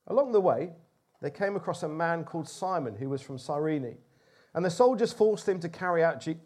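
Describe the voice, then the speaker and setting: A man's voice: fairly high pitch, a little mellow. A man preaching a sermon, telling a story expressively with rising emphasis.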